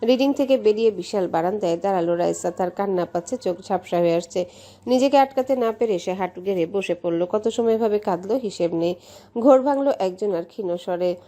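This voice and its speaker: A woman from Bangladesh narrating a romance story in a steady, measured way. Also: medium pitch. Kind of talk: audiobook story reading.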